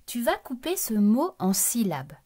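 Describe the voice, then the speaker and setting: A woman's voice: fairly high pitch, big pitch swings, a little slow, warm tone. A woman teacher giving a recorded lesson to young children, patiently breaking words into syllables and speaking to the child directly. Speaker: primary school teacher.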